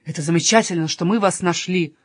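A woman's voice: on the low side, fairly quick, no room sound, natural voice. Formal town policeman, read by a woman, dry close sound. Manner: formal, authoritative. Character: official male town policeman. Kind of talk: storybook reading.

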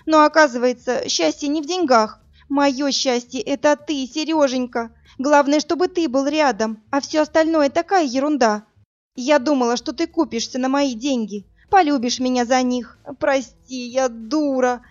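A woman's voice: high-pitched, moderate pace, highs cut off, voice pushed up, lightly acted. Woman playing a desperate heartbroken young woman. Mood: pleading. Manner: tearful and pleading, then screaming in anger.

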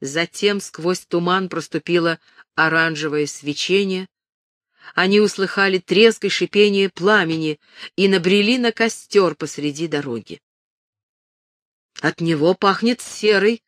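A woman reading a historical novel aloud in steady, measured narration. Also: lowish voice, no room sound, clean studio sound. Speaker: audiobook narrator. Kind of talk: scripted narration.

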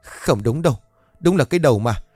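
A man's voice: lively intonation, brisk, a little mellow, no room sound, faint music behind, lightly acted. Man voicing a shrieking old village woman. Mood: panicked. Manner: shrill cries, stammering when panicked. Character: frightened village grandmother, sharp-tongued.

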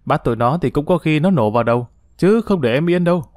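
A man voicing an impulsive, cheeky young man who speaks eagerly and excitably in an audiobook story. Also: a little high, quick pace, no echo, clean studio sound, natural voice.

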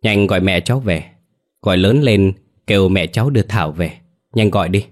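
A man voicing an urgent male ritual master giving commands in loud shouts. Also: low voice, a little fast, natural voice.

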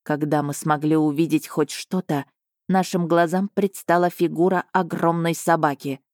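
A woman narrating a fantasy audiobook in the first person, lively and expressive. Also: deep voice, normal speed, dry recording, studio quality. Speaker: audiobook reader.

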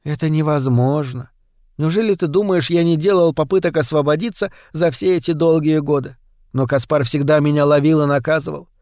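A man's voice: fairly high pitch, fairly even intonation, fairly quick, darkish tone, dry recording, clean studio sound, lightly acted. A man doing a timid, stammering rat creature. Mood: gloomy. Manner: meek, stammering and cowed. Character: timid sad upside-down male rat creature.

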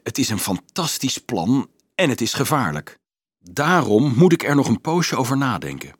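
Casting: determined teen boy, low, brooding, firm, read by a man; dry, close audiobook sound. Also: sing-song, moderate pace, breathy edge, dry recording. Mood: stubborn. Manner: low, stubborn, thoughtful. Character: stubborn, brooding teenage boy with a plan.

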